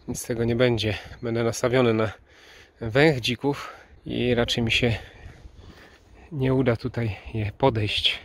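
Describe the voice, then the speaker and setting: Filming point of view on a handheld camera mic, a medium-pitched male nature vlogger narrates in first person while walking through a snowy park in winter. He's stalking wild boar and often drops to a hushed whisper as he creeps up on the animals.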